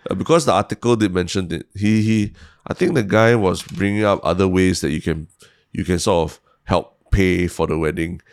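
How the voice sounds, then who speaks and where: Man, low creaky voice, Singaporean accent, Singlish, casual podcast chat, halting and repetitive. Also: no room sound. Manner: colloquial Singlish with local particles; halting, repeats words as he thinks. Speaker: podcast co-host.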